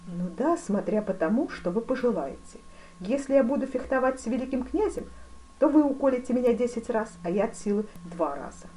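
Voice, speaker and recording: Woman reading a calm, deferential fencing master. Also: a little high, brisk, a little hiss or hum, voice pushed up, natural voice, rough recording. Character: polite, composed fencing master, adult man. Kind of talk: audiobook character reading.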